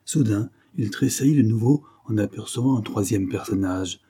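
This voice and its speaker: A man reading a novel aloud as audiobook narrator, with steady storytelling. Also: on the low side, moderate pace, slightly rough. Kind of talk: scripted narration of a French adventure novel.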